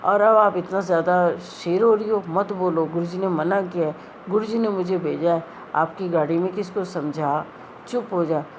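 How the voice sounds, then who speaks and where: A woman's voice: on the low side, moderate pace, slight background noise, low-quality recording. A middle-aged woman earnestly retelling a spiritual experience, pleading as she quotes the people in it. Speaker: devotee sharing a spiritual experience. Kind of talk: storytelling testimony.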